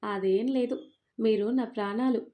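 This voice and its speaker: A woman doing a sharp-tongued, scolding mother. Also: fairly high pitch, steady tone, a little slow, lightly acted. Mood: sarcastic. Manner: sharp-tongued and sarcastic, then fond. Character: scolding yet loving middle-aged mother.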